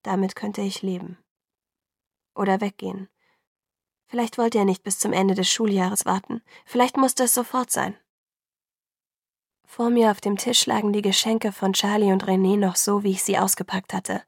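A woman reads a first-person novel aloud as an audiobook, keeping her delivery soft and subdued. Her voice has a steady gravelly fry. The recording is close and completely dry. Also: mid-range voice, moderate pace, pauses often, dry recording. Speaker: audiobook narrator.

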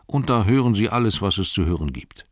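A man's voice: lowish voice, animated, brisk, no echo, studio quality, voice pushed up, lightly acted. A man voicing a wary village gatekeeper who talks curtly and hurriedly, in a storybook reading.

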